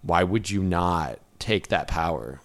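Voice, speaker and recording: A man's voice: low-pitched, animated, unhurried. A man co-hosting a podcast, chatting casually in a rambling, laid-back way full of fillers. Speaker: podcast co-host. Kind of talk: casual chat.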